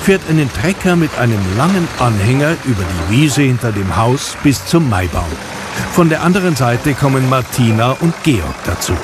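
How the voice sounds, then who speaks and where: A man's voice: mid-range voice, very animated, moderate pace, background noise. A man narrating a scripted children's story as the narrator. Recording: music behind the voice.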